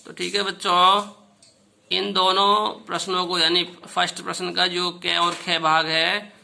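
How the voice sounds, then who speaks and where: Male schoolteacher, slow and patient, steady bright voice, sounds out words for pupils. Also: high voice, gravelly. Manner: slow, patient, repeats "ठीक है" often; pronounces words slowly for students to repeat. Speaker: school Sanskrit teacher. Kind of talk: classroom video lesson.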